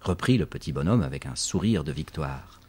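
A deep, breathy male voice narrates an audiobook, reading a storybook expressively and spelling words out slowly.

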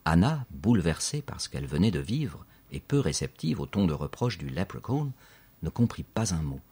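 A man with a very deep, husky, breathy voice reads a children's tale at normal speed. He keeps the narration steady and expressive, pacing the scenes as a seasoned audiobook narrator would.

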